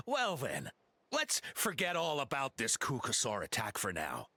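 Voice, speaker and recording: A man voicing a smug game merchant with slow, theatrical villain menace. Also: medium pitch, wildly swooping pitch, bright, forceful tone, no echo, full character voice. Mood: smug, scheming. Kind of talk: scripted game character acting.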